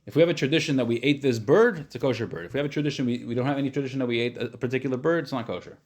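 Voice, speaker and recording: A man giving an informal lesson as a rabbi, explaining in plain, casual words and often pausing to search for the next one. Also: mid-range voice, darkish tone. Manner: hesitant, searching for words, thinking aloud; casual, plain-spoken, simplifying. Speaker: rabbi teaching a class.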